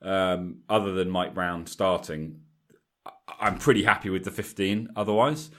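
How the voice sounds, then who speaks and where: A man co-hosting a casual rugby podcast, talking in a halting way with many restarts. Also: low voice, steady tone, fairly bright tone. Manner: hesitant, restarts often. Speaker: podcast co-host. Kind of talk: casual chat.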